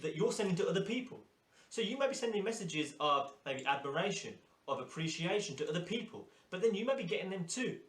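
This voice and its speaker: A man's voice: high-pitched, a bit bright. Motivational male instructor in an echoey room. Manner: emphatic, repeats key phrases for effect. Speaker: course instructor for hairdressers. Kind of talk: motivational course lecture. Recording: roomy echo.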